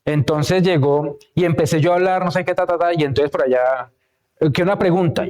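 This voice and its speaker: A man's voice: a little high, brisk, darkish tone. A male preacher giving a sermon in a conversational way, telling personal stories and checking in with his listeners. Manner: conversational, tells anecdotes, checks in with "¿sí?". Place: church.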